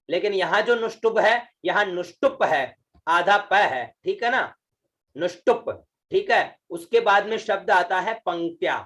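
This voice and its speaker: A man's voice: high-pitched, a bit bright. A man teaching Vedic recitation in an online class, speaking patiently, checking in with the students again and again, and drawing out chanted syllables. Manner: slow, patient, repeats words and drawn-out chanted syllables; frequent checking fillers.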